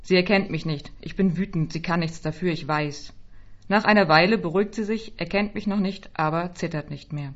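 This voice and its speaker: Quiet, measured woman reading literary prose. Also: fairly low pitch. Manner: quiet, measured, often dropping softly. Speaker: reader. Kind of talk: literary first-person reading. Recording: slightly dull, muffled recording.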